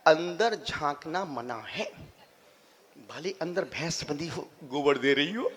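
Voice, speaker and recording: A man, a monk, gives a lively sermon, repeating phrases, swinging between loud and soft, and acting out everyday scenes for humour. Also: fairly high pitch, takes it slowly. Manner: humorous, acts out everyday scenes. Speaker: Jain monk giving a discourse.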